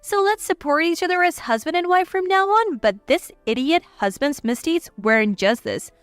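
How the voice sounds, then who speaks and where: A woman's voice: very high voice, lively intonation, moderate pace, no room sound. A woman narrating a first-person story in a cool, blunt, scornful manner. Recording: dry voice with faint music.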